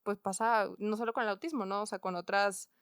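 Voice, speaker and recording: A woman's voice: mid-range voice, fairly even intonation, brisk, smooth, no echo, studio quality. A woman with a Mexican accent, a coach and podcast guest, explaining ideas thoughtfully with frequent fillers. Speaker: guest, work and education coach. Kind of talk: conversational podcast interview.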